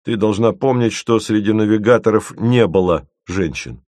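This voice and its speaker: A man reading an audiobook, voicing a grumbling, thoughtful senior male investigator in a firm, measured way. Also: fairly low pitch, darkish tone, no echo, lightly acted.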